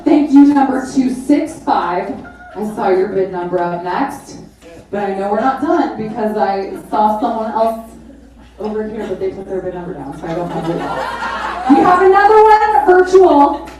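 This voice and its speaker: A woman's voice: mid-range voice, normal speed. A woman hosting a live charity auction, calling bids and chatting informally and exclamatorily with bidders. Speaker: charity auctioneer and event host. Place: large echoey event venue with a live audience. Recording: echoey hall, distant PA, crowd.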